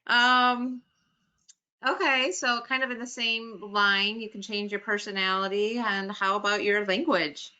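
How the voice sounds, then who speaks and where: A woman hosting a webinar, enthusiastic and chatty and quick to laugh, heard over a video call. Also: mid-range voice, fairly even intonation, bright, forceful tone, lo-fi sound. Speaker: webinar host. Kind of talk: hosted webinar conversation.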